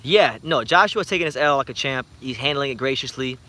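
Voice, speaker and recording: Late at night, an American man in his twenties who hosts a YouTube boxing channel chats and responds to viewer comments. His mid-range voice moves fairly quickly, and his delivery is animated and rambling, full of repeated starts.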